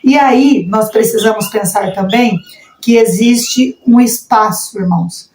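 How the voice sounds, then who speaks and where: A woman's voice: on the high side, a little slow, a little mellow, reverberant, slight background noise. A woman with a Brazilian Portuguese accent teaching sign language interpreters in a church training lesson, demonstrating intonation expressively as she explains.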